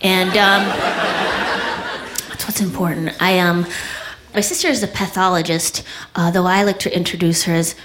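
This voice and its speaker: A woman's voice: on the low side, fairly even intonation, moderate pace, long pauses, fairly bright tone, slight background noise. A young woman comedian doing stand-up, chatty and self-deprecating.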